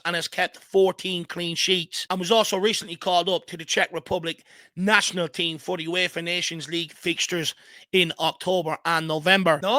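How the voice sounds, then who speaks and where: Irish man, football vlog host, analytical and opinionated; bright, crisp tone. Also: sits high, no room sound. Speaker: fan channel host.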